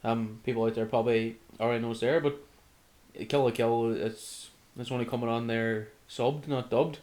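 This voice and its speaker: A man's voice: mid-range voice, steady tone, moderate pace, darkish tone. A young man, co-hosting a casual chat in an easygoing way. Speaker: podcast co-host.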